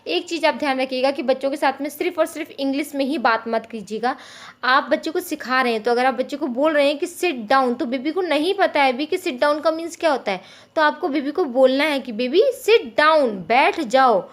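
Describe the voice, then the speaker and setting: A woman's voice: sits high, brisk. A woman giving a friendly, explanatory home tutorial for parents, acting out little phrases said to a child. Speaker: parenting teacher. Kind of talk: informal Hindi tutorial.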